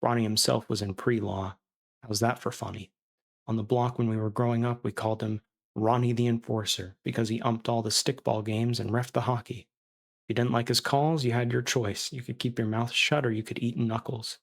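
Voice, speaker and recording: A man reading as a starving, bitter disgraced surgeon who confesses in a castaway's diary, callous and self-justifying, with a creaky voice. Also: medium pitch, flat delivery, brisk. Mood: bitter, boastful.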